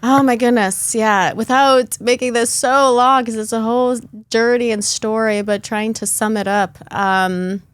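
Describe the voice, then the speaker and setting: A woman's voice: fairly high pitch, fairly even intonation, measured pace, few pauses, clear, resonant tone, dry recording. A young adult woman, born in Lithuania and raised in Chicago, telling her personal story as a podcast guest, earnest and chatty with many fillers.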